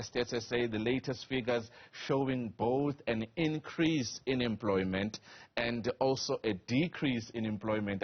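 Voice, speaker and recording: A man hosting a TV news interview as business editor, setting up questions with figures in a measured way. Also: mid-range voice, breathy edge, highs cut off.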